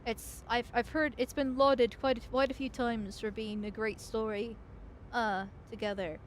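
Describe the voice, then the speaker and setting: A woman's voice: on the high side, little pitch movement, measured pace, a little hiss or hum. A woman streamer chatting casually over her gameplay, giggling often and restarting her sentences. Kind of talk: casual gaming commentary.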